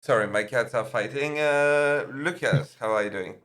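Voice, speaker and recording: A man hosting and moderating a live-stream panel, talking in a halting way with many pauses. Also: medium pitch, fairly bright tone. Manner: halting, lots of fillers and restarts. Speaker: host and moderator.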